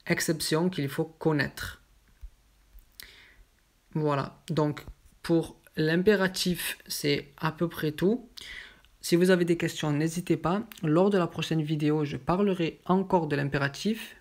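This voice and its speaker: A woman's voice: low-pitched, steady tone, takes it slowly, a little mellow. A woman teaching a grammar lesson patiently and methodically, often linking her points with filler words. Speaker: French teacher. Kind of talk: slow explanatory grammar lesson.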